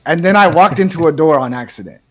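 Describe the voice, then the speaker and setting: A laid-back American man hosting a casual chat. His voice sits a little high for a man, and the talk rambles and loops, with "bro" and "like" in almost every sentence. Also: lively intonation, quick pace. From United States. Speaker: podcast host and music producer.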